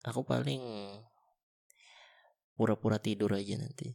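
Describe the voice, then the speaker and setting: A young man in a whispered role-play as a boyfriend, talking in a soft, coaxing and gently teasing way. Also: fairly low pitch, fairly even intonation, normal speed, gravelly. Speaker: ASMR boyfriend role-player.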